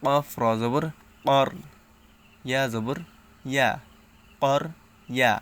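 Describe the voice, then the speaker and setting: A man's voice: mid-range voice, steady tone, smooth. A man teaching Quran reading, patiently spelling out letters and sounding each syllable. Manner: patient, step-by-step drilling, recites louder and slower. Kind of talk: spelling out and reciting letters slowly.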